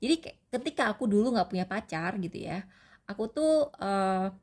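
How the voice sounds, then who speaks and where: A woman's voice: mid-range voice, expressive, moderate pace, a little mellow. A woman from Indonesia talks through a tarot reading and gives advice. Her delivery is casual and rambling, full of fillers and restarts, like chatting with a friend. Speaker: tarot reader.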